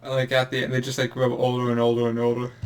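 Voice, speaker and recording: A man's voice: medium pitch, monotone, fast talker, smooth. A young man co-hosting a podcast in casual chat, sarcastic and rambling with lots of fillers and laughter. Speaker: podcast co-host.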